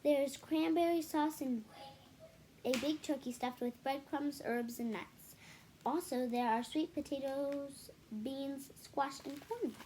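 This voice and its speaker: In a high, warm voice, a woman slowly reads a children's picture book aloud and adds relaxed explanatory comments for young listeners. A little background noise can be heard.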